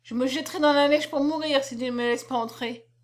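A woman's voice: high voice, steady tone, fast talker, lightly acted. A woman reading aloud, voicing a desperate young woman who pleads and cries out at a locked door. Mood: pleading.

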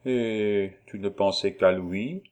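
A man's voice: on the low side, slow, a little mellow, clean tone. A man playing a sly, doting old colonel. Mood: coaxing. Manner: coaxing, falsely paternal.

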